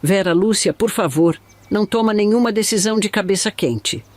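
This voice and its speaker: A woman's voice: medium pitch, a little fast, darkish tone, no room sound, lightly acted. A woman narrator voicing a cheating middle-aged husband who pleads and then gives orders. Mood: insistent.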